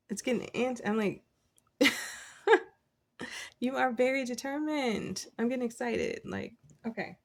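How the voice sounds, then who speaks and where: A woman giving a casual, encouraging tarot reading from her desk, chatty and quick to laugh. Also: fairly high pitch, gravelly. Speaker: tarot reader.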